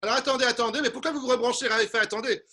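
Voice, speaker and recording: A man's voice: extremely high pitch, fairly even intonation, rapid-fire, sharp tone. A man hosting a parody word game over a video call from home, fussy and forever calling players who have dropped out. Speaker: game show host.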